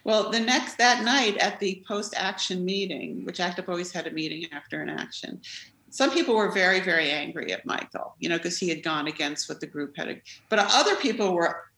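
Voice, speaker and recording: Animated woman telling stories, roomy sound. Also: on the low side, brisk. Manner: animated, expressive storyteller. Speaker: interviewee, former activist. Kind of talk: storytelling in an interview. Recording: roomy echo.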